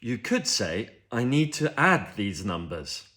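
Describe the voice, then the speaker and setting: A man's voice: medium pitch, big pitch swings, slow, a bit bright. A man from Britain, helping with a lesson by giving short example sentences. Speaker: guest teacher.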